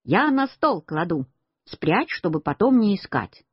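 A woman reading a children's story aloud, voicing a calm, practical father. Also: medium pitch, a little slow, husky, no echo. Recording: dull lo-fi recording.

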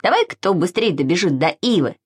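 A woman voicing an impulsive little boy in a storybook reading, eager and quick to take offence. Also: on the low side, big pitch swings, slightly rough.

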